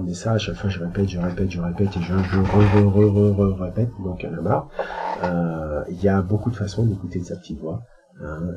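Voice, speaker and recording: Male spiritual speaker, low pitch, colloquial and halting, muffled recording. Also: warm tone. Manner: hesitant and colloquial, with frequent filler sounds. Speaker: spiritual speaker answering questions. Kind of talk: casual spiritual teaching talk.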